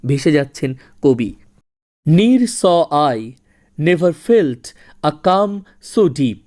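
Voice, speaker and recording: A man teaching a poem line by line. He reads the English verse slowly and dramatically, then explains each line. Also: fairly high pitch, a little mellow. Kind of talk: line-by-line poetry lesson.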